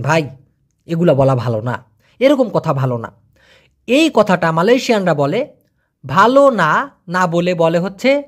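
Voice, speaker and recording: A language teacher from Bangladesh giving an online lesson, patiently repeating phrases slowly and encouraging learners along the way. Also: medium pitch.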